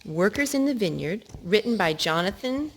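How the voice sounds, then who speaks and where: A woman with a mid-range voice reads picture books to young children at normal speed, with slight background noise. She's animated, stressing key words and drawing the kids in with questions.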